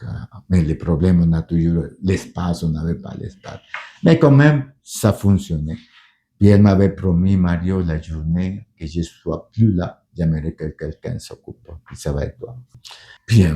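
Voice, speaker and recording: A middle-aged man with a low-pitched, dark voice, whose first language isn't French, tells his story in French as a union leader and pastor. The documentary interview is earnest, marked by hesitant restarts and repeated words.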